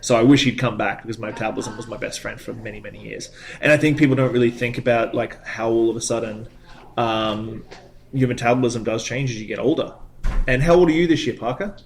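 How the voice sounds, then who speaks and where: A man's voice: mid-range voice, steady tone, fast talker, gravelly, slight background noise. A man in his thirties hosting a casual podcast, rambling chattily and laughing often. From not from Canada. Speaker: podcast host. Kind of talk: casual chat.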